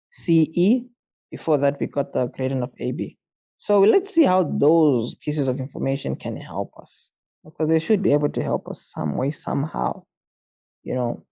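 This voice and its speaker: Gravelly, dark-voiced tutor thinking aloud. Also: male voice, a little high, dull audio. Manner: casual, thinking aloud, muttering to himself. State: tired, yawning late at night. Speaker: maths tutor. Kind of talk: working through an exam paper out loud.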